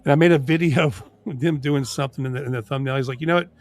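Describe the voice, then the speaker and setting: Chatting casually as a livestream co-host, a man who is losing his voice swears freely and stumbles over his words. His mid-range voice is steady and darkish in tone, and he talks quickly.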